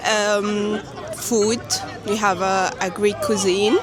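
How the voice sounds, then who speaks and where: A man from Egypt with an Egyptian accent, answering street interview questions in English, relaxed and halting with fillers. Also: sits high, crowd noise. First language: Arabic. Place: busy city street outdoors.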